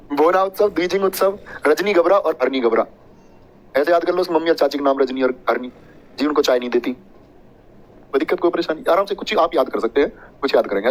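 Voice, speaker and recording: A man's voice: on the high side, poor audio. A man teaching an exam-prep class, joking and chatty, drilling points with repetition and mnemonic stories.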